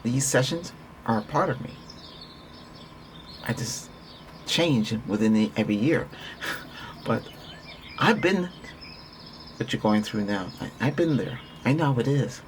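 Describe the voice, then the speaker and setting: A man's voice: mid-range voice, lively intonation, a little slow, pauses often, slight background noise. A man giving a Reiki healing talk in an earnest, repetitive, conversational way, often restarting his sentences. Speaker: Reiki practitioner.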